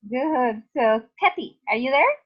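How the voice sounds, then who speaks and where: Slow, high-voiced woman teaching online. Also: lively intonation, husky. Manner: patient, explains slowly with many fillers. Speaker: English teacher. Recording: dull lo-fi online call audio.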